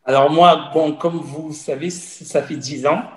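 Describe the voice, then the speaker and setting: A man in his forties from Cameroon appears as a guest and tells his personal story in conversation, earnestly and with repeated phrases. His fairly high voice has fairly even intonation and a measured pace. The recording has a roomy echo.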